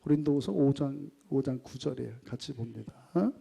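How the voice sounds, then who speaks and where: A male pastor preaching a sermon, asking the congregation questions and leading them through scripture readings, moving between raised and quiet phrases. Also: mid-range voice, brisk, gravelly, husky.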